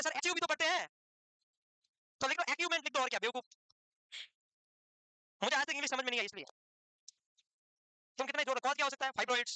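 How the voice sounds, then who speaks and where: A man teaching a class at a quick clip, his voice high and bright. He scolds, jokes and teases students between dictated notes, and the sound is dry and close. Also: smooth, dry recording. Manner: brisk, scolding, teasing joker. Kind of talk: classroom lecture.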